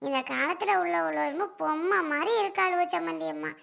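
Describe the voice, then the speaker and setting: Woman doing a high, gravelly-voiced old mother-in-law, sarcastic and nagging, skit role. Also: fairly bright tone, heavily acted. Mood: complaining. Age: older. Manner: nagging, sarcastic, drawn-out complaints. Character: scolding old village mother-in-law, sharp-tongued, boastful. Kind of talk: family comedy skit.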